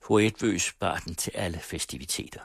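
A man reading a novel aloud on the radio, measured, letting phrase ends fall away. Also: sits low, creaky, husky, no echo, clean studio sound. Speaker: radio reader.

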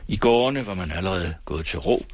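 A man reading a novel aloud in a measured storytelling manner. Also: deep voice, lively intonation, dry recording. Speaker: narrator.

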